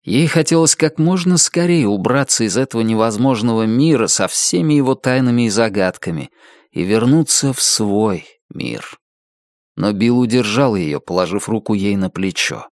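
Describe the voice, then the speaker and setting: A man narrating a story as an audiobook reader, steady and measured, on a close studio mic. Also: fairly low pitch, no echo.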